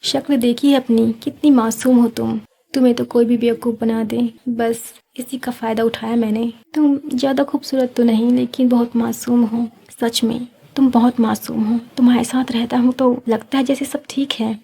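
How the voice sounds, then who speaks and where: A sly young man who talks smooth and mocking to trick a girl out of her locket, read by a woman. The voice sits fairly high and stays flat and even, with a soft, husky, mellow tone. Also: normal speed. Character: scheming young man after a magic locket.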